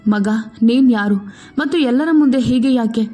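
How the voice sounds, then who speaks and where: A woman voicing a gentle, grieving older mother who speaks softly and tearfully. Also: fairly high pitch, normal speed, faint music behind, natural voice. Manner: tearful, soft.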